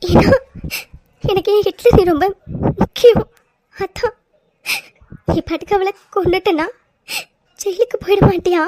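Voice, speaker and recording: A woman voicing a gentle, forgiving young heroine in a cartoon, soft and tearful as she pleads. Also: very high voice, normal speed, pauses often, no echo. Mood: pleading. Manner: soft, pleading, tearful, calls him Hitler fondly. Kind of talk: cartoon voice dubbing.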